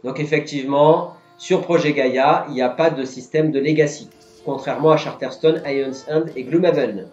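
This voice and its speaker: A slightly high-voiced man hosts a live board game quiz, reading each question and patiently explaining the answers. The sound is roomy and a little dull and lo-fi, with faint music underneath. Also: moderate pace, darkish tone. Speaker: quiz host. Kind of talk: live-stream quiz hosting.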